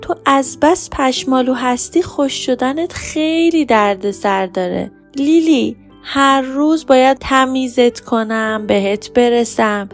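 A woman's voice: sits high, faint music behind, pitched above the performer's own voice. A woman voicing a young boy in a children's story who grumbles and lectures about caring for his pet, yet stays patient. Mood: grumbling.

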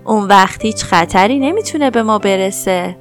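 A woman voicing a gentle, caring mother rabbit in a children's story, talking slowly and tenderly. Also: medium pitch, lively intonation, faint music behind, natural voice. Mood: soothing. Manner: slow soothing tender.

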